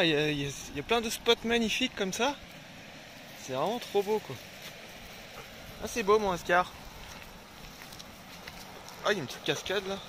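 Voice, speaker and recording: Speaking in a high, bright, pushed voice, this young man makes a laid-back travel vlog outdoors by a river. He's chatty, talks to his dogs as well as his viewers, and curses now and then when irritated; a little background noise is audible.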